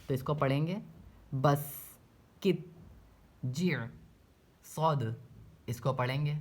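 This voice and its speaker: Man, fairly high voice, patient recitation teacher, repeats syllables, drawn-out careful pronunciation. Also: darkish tone. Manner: drills single syllables, repeating each several times; drawn-out, deliberate pronunciation of letters. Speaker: Quran reading teacher. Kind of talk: slow step-by-step recitation lesson.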